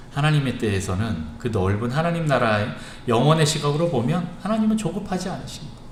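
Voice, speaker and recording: A male pastor gives an evening sermon in an echoey church sanctuary. He speaks earnestly and with emphasis, pausing often between phrases. His voice sits at a middle pitch, with a faint hiss under the room's echo. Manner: earnest and emphatic, with frequent pauses.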